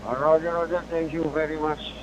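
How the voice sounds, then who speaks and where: A man's voice: fairly high pitch, level tone, a little fast. A man, an amateur radio operator heard over a digital ham radio link with static bursts, formally spelling out call signs and repeating his thanks. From Indonesia. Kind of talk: ham radio contact exchange. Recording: dull lo-fi radio audio with loud static noise.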